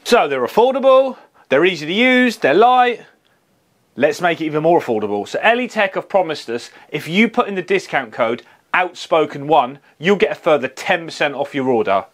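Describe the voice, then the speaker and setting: A man's voice: fairly high pitch, very animated, normal speed. A man, reviewing trade tools in a practical, plain-spoken way, on a lapel mic in an office. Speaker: HVAC engineer reviewing tools. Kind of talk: product review presentation.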